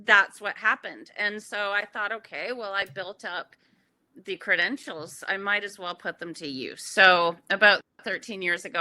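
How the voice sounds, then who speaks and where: Brief: earnest woman interview guest, very bright tense voice, fluent storyteller. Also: medium pitch, rough recording. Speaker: holistic health practitioner, guest. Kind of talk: casual interview chat.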